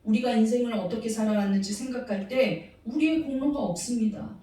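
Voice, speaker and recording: A woman preaching a sermon in a fairly high voice, pressing her listeners with earnest rhetorical questions. The sound is very echoey, like a big church hall, and she sounds some distance from the mic. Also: brisk, dark tone. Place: church sanctuary.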